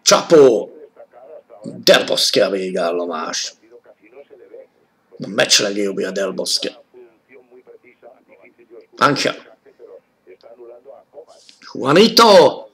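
A man giving live football commentary on an old 1980s television broadcast, excited and rising to shouts at key moments. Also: low-pitched, pauses often, rough recording.

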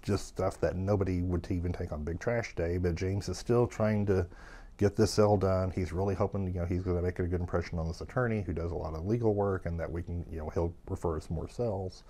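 A man with a somewhat low voice tells a rambling anecdote about his work. He keeps it animated and casual, filling gaps with easy fillers. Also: fairly quick. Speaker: estate sale business owner. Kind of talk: casual storytelling.

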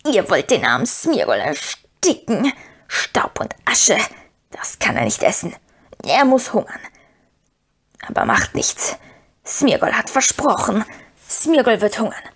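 A woman voicing a wretched, sly creature who whines and wheedles in a breathy whisper. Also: medium pitch, sing-song, measured pace, long pauses, fairly bright tone, exaggerated voice. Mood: whining. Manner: wheedling, talks of himself in third person.

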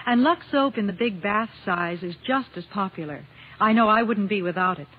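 A woman guest commentator with a mid-range voice and moderate pace delivers scripted promotional talk in the style of 1950s radio. The audio sounds like a muffled, noisy old radio broadcast.

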